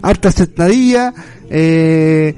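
A man's voice: fairly high pitch, slow pace, mellow. A man with a Chilean accent co-hosting a podcast in casual late-night chat, playful and insistent, using lots of local slang. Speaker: podcast co-host.

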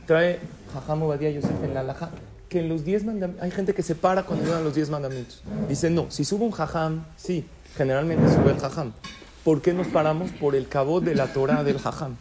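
A rabbi teaches a Torah class in Spanish sprinkled with Hebrew terms, asking his listeners questions, answering them himself and dropping in light jokes. His voice is on the high side and a little fast, with a noisy background.

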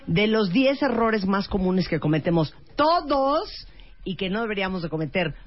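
A woman with a Mexican accent hosting a radio talk show, chatty and lively. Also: medium pitch, moderate pace. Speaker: radio host. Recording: dull radio sound.

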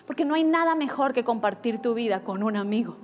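A woman pastor preaching a sermon, telling a lively personal story and acting out quoted lines. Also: fairly high pitch, brisk, a little hiss or hum. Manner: animated storytelling with acted quotes.

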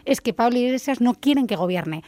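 A woman's voice: on the high side, lively intonation, fairly quick, mellow, no room sound. A woman giving assertive, opinionated commentary on a talk show. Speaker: political commentator.

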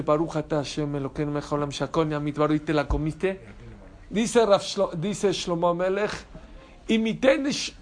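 Guy giving a torah talk, pretty high voice, punchy and animated, asks the crowd stuff. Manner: animated, emphatic, asks the audience questions. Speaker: rabbi teaching a Torah class. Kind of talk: sermon.

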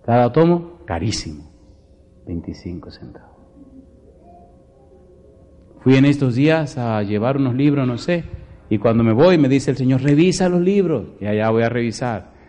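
A man's voice: medium pitch, expressive, moderate pace, pauses often, mellow, in a large hall. A male pastor preaching a Bible study sermon, emphatic, firing rhetorical questions at his congregation and telling folksy stories from home. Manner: folksy storytelling asides.

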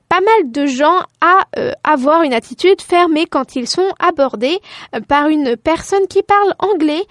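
A woman's voice: very high-pitched, no room sound, clean studio sound. A woman from France hosting a radio show, reading a scripted talk segment with frequent hesitant fillers. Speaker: radio host.

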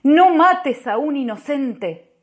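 Woman doing a preachy, insistent Argentine lady in an audiobook; high, urgent and pleading. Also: lively intonation, slow. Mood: scolding. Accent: Argentine Spanish. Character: pious middle-aged woman, insistent, scolding.

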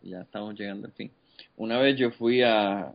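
A man co-hosting a podcast in casual chat, telling anecdotes in a relaxed way and laughing along. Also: lowish voice, normal speed, vocal fry, highs cut off.

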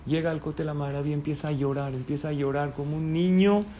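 A man's voice: a little high, steady tone, fast talker, mellow, a little hiss or hum. A man telling a religious moral story, acting out the characters as he goes. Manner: dramatic storytelling, acts out the characters' pleading.

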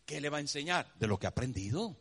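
A man's voice: a little high, animated, quick pace, slightly rough. A man preaching a sermon, telling scenes dramatically and calling his listeners "brother" with many rhetorical questions. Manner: dramatic storytelling, acts out scenes with shouts.

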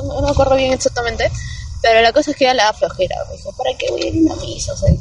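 A woman's voice: a little high, background noise. A young woman with a Peruvian Spanish accent, telling a story in casual chat with lots of slang.

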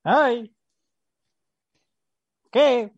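A squeaky bearded puppet, manic. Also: male voice, drawn-out words, dry recording, dull audio, exaggerated voice. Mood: mock grief. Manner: shrieks and shouts in bursts, goofy. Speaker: puppet co-host. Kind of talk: comedy puppet banter.

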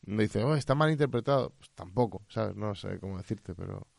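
Relaxed, low-voiced man. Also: fairly quick, gravelly, dry recording. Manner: relaxed, agreeable, many fillers like ¿sabes?. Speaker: podcast co-host. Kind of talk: casual film review chat.

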